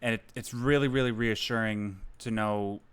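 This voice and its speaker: A man's voice: on the low side, fairly even intonation, normal speed, a bit bright, clear, resonant tone. A man hosting a podcast, talking casually and encouragingly to a guest. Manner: encouraging, supportive. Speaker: podcast host. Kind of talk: casual chat.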